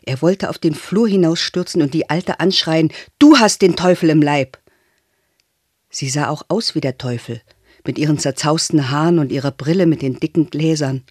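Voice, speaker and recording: A man calmly reading a novel aloud as narrator, in a measured way. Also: a little high, breathy edge, no echo, studio quality. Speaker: audiobook reader.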